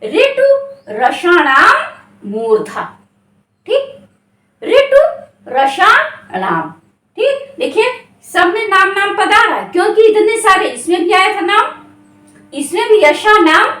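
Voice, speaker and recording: A woman's voice: extremely high pitch, a bit bright. A woman teaching a Sanskrit grammar exam-prep lesson, asking questions and answering them herself, drawing out syllables to stress them. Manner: slow, drawn-out syllables when stressing sounds. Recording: echoey room.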